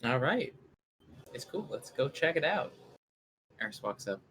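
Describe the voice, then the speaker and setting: A man's voice: medium pitch, big pitch swings, a bit bright, a little hiss or hum. A man playing a tabletop game, asking the game master rules questions and announcing his moves. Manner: inquisitive, quick questions. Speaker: player.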